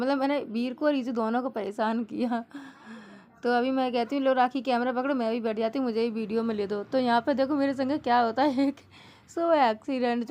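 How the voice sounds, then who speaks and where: A woman's voice: on the high side, darkish tone. A young woman from northern India narrating her family vlog in a chatty way, laughing often and talking straight to the viewers. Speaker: family vlogger.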